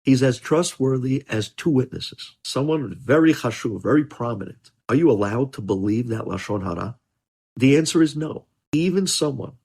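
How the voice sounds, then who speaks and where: Speaking at a medium pitch with a slightly mellow, breathy quality, a man gives a lesson on religious law as a rabbi. He stresses his points firmly and answers the questions he poses.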